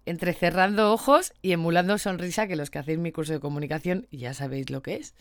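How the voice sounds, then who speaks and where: A woman's voice: fairly low pitch, quick pace, no echo. A woman with a Spain Spanish accent, a dog trainer explaining her views to followers in an empathetic, persuasive way.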